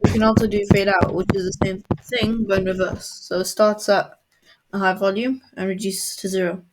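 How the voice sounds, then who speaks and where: A woman as a coding tutor, explaining a software tool step by step in a screen-recorded tutorial. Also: mid-range voice, steady tone, moderate pace, heavy background noise.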